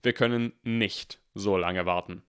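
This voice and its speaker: A man voicing a stern, cunning male teacher who speaks calmly, deliberately and firmly. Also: low voice, clear, resonant tone. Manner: calm, deliberate and firm.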